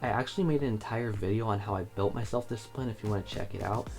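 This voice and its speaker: A man talking to camera in a motivational vlog, earnest and reflective, sometimes a bit halting. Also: lowish voice, vocal fry, a little mellow, soft background music. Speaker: vlogger.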